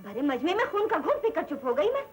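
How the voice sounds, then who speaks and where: Stern mistress of the house, high and scolding, 1960s film soundtrack. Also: female voice, big pitch swings, fast. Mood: angry. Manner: scolding, commanding. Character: stern rich lady of the house, imperious. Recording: old film soundtrack with music.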